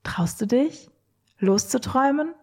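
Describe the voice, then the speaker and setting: Slow, mellow woman narrating a dreamy tour. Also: sits high, animated, breathy edge. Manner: slow, dreamy, poetic delivery. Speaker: audio walk guide. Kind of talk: scripted narration.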